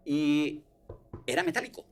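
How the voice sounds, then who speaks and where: A man's voice: on the high side, expressive, unhurried, slight background noise. A man, telling a personal story in casual conversation, swearing and restarting often.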